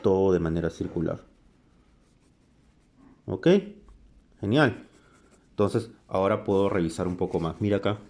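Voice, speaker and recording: Male drawing teacher, slightly low voice, chatty and patient while demonstrating. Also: steady tone, unhurried, pauses often, a little mellow. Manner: chatty, frequent "¿ok?" and self-corrections. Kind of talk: casual drawing lesson while sketching.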